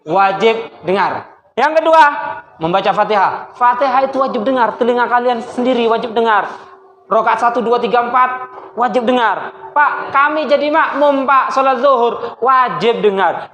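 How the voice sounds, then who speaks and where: A male teacher giving a classroom lesson, lively and teasing, quizzing his students and mimicking their questions. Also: high-pitched, normal speed. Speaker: religious studies teacher. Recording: echoey classroom with faint noise.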